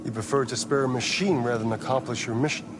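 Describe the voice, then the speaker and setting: An actor playing a calm, cerebral, manipulative man in a video game, speaking in a measured, philosophical way. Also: mid-range voice, close to an everyday voice. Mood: calm, probing. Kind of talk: dramatic video game acting. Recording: loud ambient noise behind voice. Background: loud ambience.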